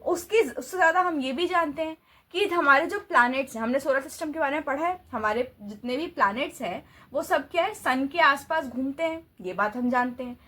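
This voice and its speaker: Woman teacher, high voice, patient classroom explainer who poses questions and restarts phrases. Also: a little fast, bright, forceful tone. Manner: explains step by step with rhetorical questions; mixes English terms into Hindi. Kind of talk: classroom physics lesson.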